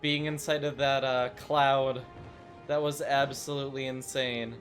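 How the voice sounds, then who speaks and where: A man's voice: mid-range voice, level tone, measured pace, a bit bright, faint music behind. A young man casually commenting while playing a city-building game, chatty and self-mocking, rambling into asides. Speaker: gaming YouTuber.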